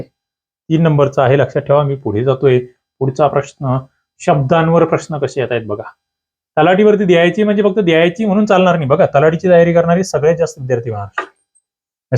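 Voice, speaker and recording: Man, exam-prep teacher, higher-pitched voice, emphatic rhetorical questions, muffled lo-fi recording. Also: darkish tone. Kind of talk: online exam-prep lesson. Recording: dull lo-fi sound.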